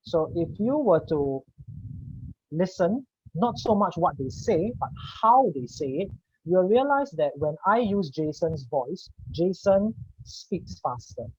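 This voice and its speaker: A man's voice: high-pitched, big pitch swings, takes it slowly, darkish tone, slightly rough, no echo. Man coaching a webinar on a dull line. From Singapore. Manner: explanatory, addresses the audience with "right?". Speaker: communication coach presenting a webinar. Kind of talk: webinar presentation. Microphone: video call.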